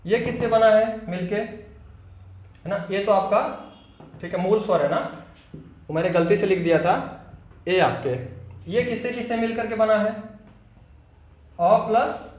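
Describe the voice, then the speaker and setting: A man teaching Hindi grammar in a classroom lecture, asking the class questions and answering them himself, repeating key terms slowly. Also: sits high, a little mellow, roomy sound.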